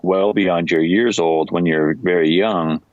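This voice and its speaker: An American man, a leatherworker, talking in a relaxed, thoughtful way with frequent restarts on a podcast. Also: sits low, unhurried, lo-fi sound. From United States. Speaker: leatherworker, guest. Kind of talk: casual conversation.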